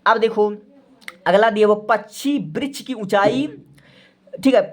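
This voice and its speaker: A man's voice: high voice, a little slow. A male teacher giving a spoken grammar lesson to students. He is patient and repeats himself often, spells words out letter by letter, and keeps checking in with the class.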